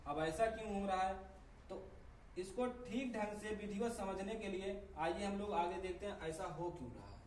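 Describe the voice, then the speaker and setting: A man teaching a grammar lesson, explaining slowly and methodically, spelling out sounds one by one. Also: high-pitched. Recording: echoey room, voice from a distance, faint ambient noise.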